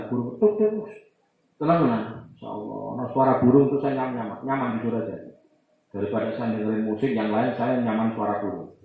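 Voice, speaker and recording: Javanese-accented man teaching in an echoey hall. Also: medium pitch. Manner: lively, mixes Javanese asides, imitates voices. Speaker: Islamic teacher. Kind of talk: casual religious lecture. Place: large room at a boarding school. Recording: echoey distant hall, dull sound.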